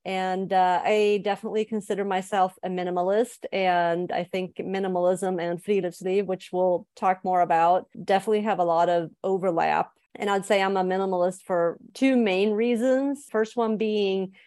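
A woman's voice: mid-range voice, steady tone, normal speed, few pauses, darkish tone, dry recording. A woman from Sweden, an author, explaining her ideas thoughtfully as a guest on a podcast interview.

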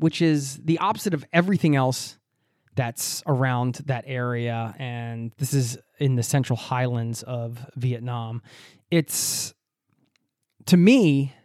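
An American man hosting a travel podcast, speaking in a reflective, animated way with occasional laughs. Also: mid-range voice, slow, no room sound, studio quality. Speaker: podcast host. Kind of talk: podcast interview.

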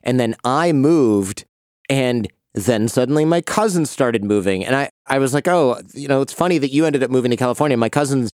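A man from Detroit hosting an interview, chatting in a relaxed, reflective way. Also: medium pitch, fairly quick, dry recording, clean studio sound. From Detroit, Michigan. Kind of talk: casual interview chat.

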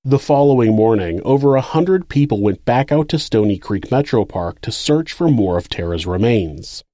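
A man's voice: mid-range voice, animated, moderate pace, warm tone, dry recording, studio quality. A man with an American accent reading scripted true crime narration as the narrator of the case.

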